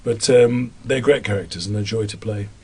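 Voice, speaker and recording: Husky Midlands voice actor. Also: male voice, fairly low pitch, a little fast, mellow. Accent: Midlands English. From English Midlands. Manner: chatty and self-mocking. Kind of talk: interview answers.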